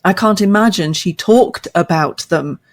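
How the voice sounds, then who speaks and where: An older woman past fifty appears as a podcast guest, discussing literature thoughtfully in a lowish voice, with measured, emphatic phrasing and deliberate pauses.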